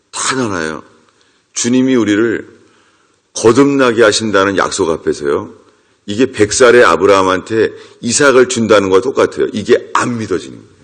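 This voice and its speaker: A middle-aged male pastor preaches with a low voice that swings widely up and down. He talks emphatically and drops into acted quotes. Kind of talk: sermon.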